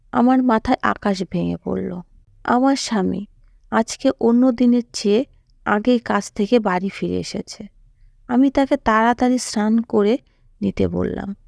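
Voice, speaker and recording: A woman's voice: fairly high pitch, gravelly, a little mellow, dry recording. A woman narrating a sorrowful first-person story.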